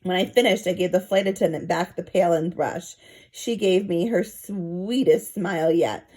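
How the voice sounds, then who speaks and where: Here a woman gives an expressive narration of a children's storybook. Her voice is fairly low, and she keeps a moderate pace.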